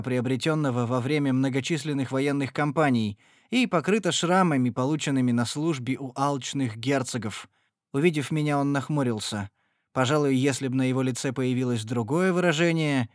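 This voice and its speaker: A man giving a measured, dramatic first-person audiobook narration. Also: medium pitch, dry recording, clean studio sound. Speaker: audiobook reader.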